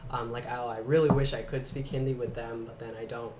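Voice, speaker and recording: A young man from the Bay Area, a guest in a casual interview chat, talking reflectively and trailing off quietly at the ends of his thoughts. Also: mid-range voice, flat delivery, a little fast, echoey room, heavy background noise. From San Francisco Bay Area. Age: young adult.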